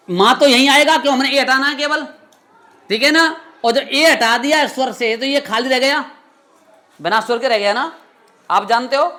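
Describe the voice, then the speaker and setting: A man's voice: very high voice, sharp tone. Stern man teaching a grammar class. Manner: stern, scolding, full of quick quiz questions to students.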